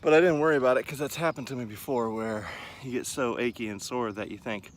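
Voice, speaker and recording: A man's voice: mid-range voice, fast talker. A man in his forties chatting casually to camera as he paces around outdoors, rambling and self-deprecating. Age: 40s. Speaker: vlogger. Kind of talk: casual running vlog chat to camera. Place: outdoors in a park by a lake. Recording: clear outdoor ambient noise.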